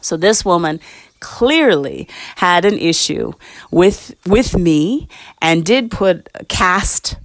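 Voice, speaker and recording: A woman hosting a spiritual talk, telling a personal story in a loose, reflective way with many pauses and restarts. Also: on the low side, animated, dry recording. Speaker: spiritual talk show host. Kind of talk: casual spiritual storytelling monologue.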